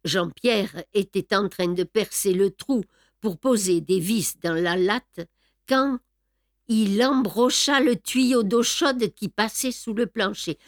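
A woman reading an audiobook in a measured, wry storytelling manner. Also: a little high, dry recording, clean studio sound. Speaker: audiobook narrator. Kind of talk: scripted audiobook narration.

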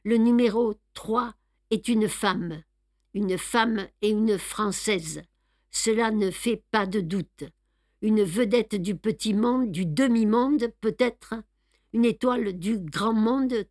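Female radio reader, unhurried and measured, close dry sound. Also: mid-range voice, no echo. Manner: measured, careful storytelling. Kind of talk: audiobook reading.

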